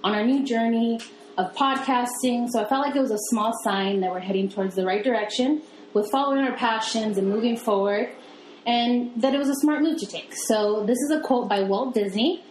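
A woman co-hosting a casual podcast, playful and quick to laugh. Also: on the high side, darkish tone, reverberant, a little hiss or hum, rough recording. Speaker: podcast co-host.

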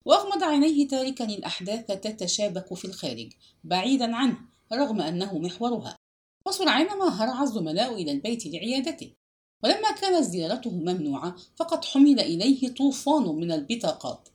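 A woman narrating a literary novel as an audiobook, with a measured, expressive reading. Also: a little high.

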